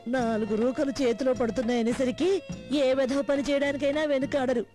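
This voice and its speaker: Lady playing a sad put-upon middle-aged wife, high but mellow voice, soft music. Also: steady tone, fairly quick, close to an everyday voice. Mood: bitter. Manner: plaintive, lamenting. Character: aggrieved middle-aged wife, meek and plaintive. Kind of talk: film comedy scene.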